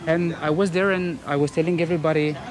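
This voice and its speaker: A man's voice: fairly high pitch, fairly even intonation. A young man from Romania, a local guest on a travel podcast, answering eagerly while walking through his city's old town. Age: young adult. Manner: eager, answers with many quick yeses. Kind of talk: casual street interview. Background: street traffic noise.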